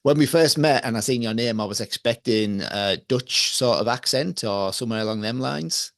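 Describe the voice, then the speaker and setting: A man's voice: medium pitch, moderate pace, creaky, dry recording, studio quality. A man from England with an English accent tinged with Australian, hosting a podcast in a friendly, matey way. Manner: friendly, matey and laughing often. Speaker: podcast host. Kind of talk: casual interview chat.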